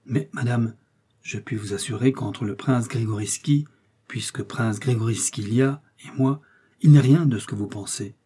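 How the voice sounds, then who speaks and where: A man voicing a calm, dignified young woman in an audiobook. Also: mid-range voice, moderate pace, slight background noise, lightly acted. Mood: composed. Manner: composed, dignified. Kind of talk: audiobook character reading.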